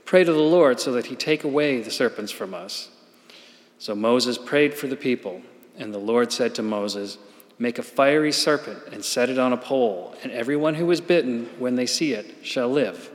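A man's voice: medium pitch, normal speed. Man reading scripture in cathedral-like echo. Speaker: scripture reader. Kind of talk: formal church scripture reading. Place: large church. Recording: cathedral-like echo, long church reverb.

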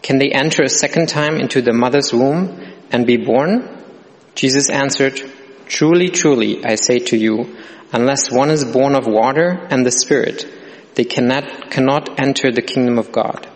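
A man's voice: mid-range voice, normal speed. A man solemnly reading the gospel aloud during a church service, his voice carried by a cathedral echo. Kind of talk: liturgical scripture reading. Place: large church sanctuary. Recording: long church reverb, heard from a distance.

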